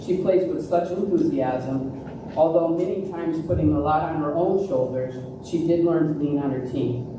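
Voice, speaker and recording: A woman's voice: deep voice, moderate pace. Woman, coach, earnest award speech, very echoey hall, distant noisy recording. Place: large echoey room at a live ceremony.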